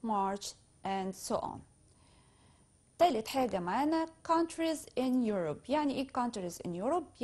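Egyptian lady english teacher, breathy, fairly high voice, says the english phrases slow and careful. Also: darkish tone. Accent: Egyptian Arabic. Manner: slow, careful modeling of English phrases between quick explanations. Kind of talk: classroom lesson explaining vocabulary.

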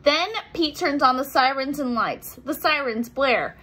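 High-pitched and measured, a young adult woman reads a picture book aloud to children with lots of expression. She acts out exclamations and sound effects animatedly and offers plain explanations along the way.

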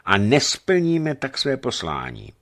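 A man voicing a tall, serious older leader who speaks in a measured, persuasive way. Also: medium pitch, wildly swooping pitch, fairly bright tone, pitched above the performer's own voice. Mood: grave. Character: tall, grave older male leader, careful planner.

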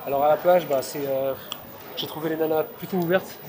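Out on a busy city street among traffic and passersby, with a crowd audible behind, a man in his thirties chats casually about street flirting. His voice is a little high and steady in tone, a little fast, and his speech is hesitant, packed with fillers and restarts. He is a street pickup learner covering an approach and a casual debrief.

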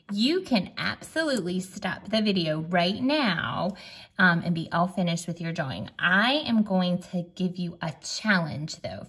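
A woman leads a children's drawing lesson at an unhurried pace. Her voice has a soft huskiness, and she sounds out letters patiently for young learners. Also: fairly low pitch, husky. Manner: slow, gentle, sounds out letters. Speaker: teacher.

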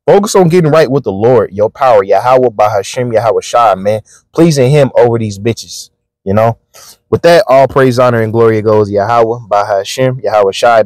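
Man, blunt and profane, mocking reaction commentary, mid-pitched voice, close dry sound. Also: a little mellow, no room sound. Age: adult, a father. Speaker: religious commentator.

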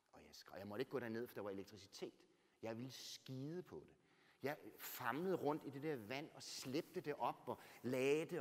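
A man, an author, telling a personal story to an audience. He speaks animatedly, moves from loud bursts down to near-whispers, and keeps tagging "right?" onto his sentences. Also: medium pitch. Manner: rhetorical, keeps adding "right?". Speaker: author giving a talk. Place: church. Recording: long church reverb.

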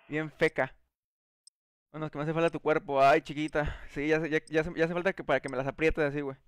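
A man's voice: a little high, smooth, no room sound. A man with a Mexican accent, live-streaming a game in a casual, slangy, chummy way, thanking viewers by name. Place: home gaming setup. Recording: loud in-game gunfire behind voice.

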